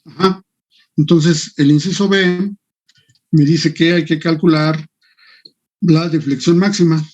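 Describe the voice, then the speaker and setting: A man's voice: fairly high pitch, steady tone, takes it slowly, a little mellow, dull audio. A man teaching an online engineering class, thinking aloud and muttering to himself as he works on screen. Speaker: engineering lecturer.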